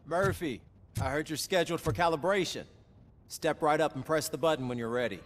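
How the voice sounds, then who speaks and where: An actor playing a matter-of-fact police staffer giving instructions in a video game. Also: male voice, on the high side, a little fast, a little hiss or hum, lightly acted.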